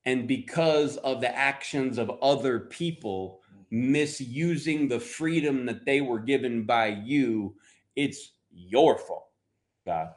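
An American man preaches a sermon in a booming, motivational style, emphatic yet conversational, with dramatic pauses.

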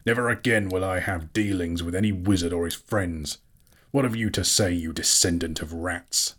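A man reads a dramatic storybook as a proud, bitter dwarf king, gruff and imperious. He declaims slowly and scornfully in a low-sitting voice.

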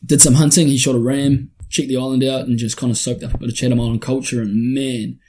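A man's voice: medium pitch, level tone, quick pace, dark tone. A man with a broad New Zealand accent chatting casually in a laid-back, slangy, matey way. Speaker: interview guest, spear fisherman and underwater cameraman. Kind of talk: casual chat. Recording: roomy echo, faint noise, clicks.

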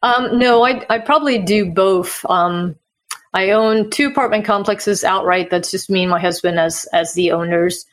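This woman was born in Sweden and moved to the US at age nine. Appearing as a real estate investor on a podcast, she gives casual interview answers, explaining things conversationally in a medium-pitched voice at a normal speed.

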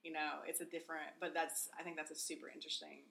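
A woman's voice: sits low, flat delivery, fast talker, fairly bright tone, a little hiss or hum. A woman in her thirties co-hosting a podcast, talking in a chatty, rambling way and often agreeing with "absolutely". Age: 30s. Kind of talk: casual podcast conversation.

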